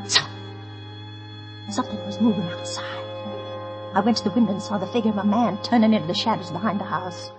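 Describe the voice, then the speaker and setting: An actress playing a hysterical, scheming wife who stammers and pleads, in 1940s radio acting. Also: female voice, on the high side, close to an everyday voice. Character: frantic, scheming wife, a narrator recalling her night. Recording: old radio drama with music behind.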